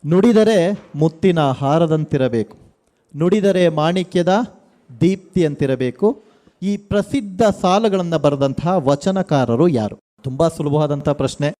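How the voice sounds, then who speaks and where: A man hosting a college quiz show on the radio, energetically urging contestants and reading questions slowly and with emphasis. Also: on the high side, mellow, no room sound. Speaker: quizmaster.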